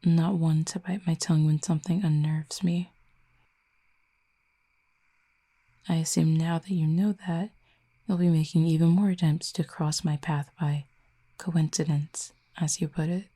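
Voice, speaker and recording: Voicing a quietly affectionate, reserved cupid, a woman keeps things calm and frank in an intimate audio roleplay. Her low voice stays soft, breathy and hushed as she delivers measured, formal lines with a gentle tease.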